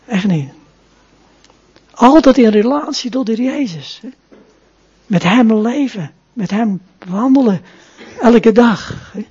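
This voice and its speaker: A man's voice: high-pitched, darkish tone, husky, lo-fi sound. A man preaching a sermon and leading a closing prayer, earnest, often adding short tag questions.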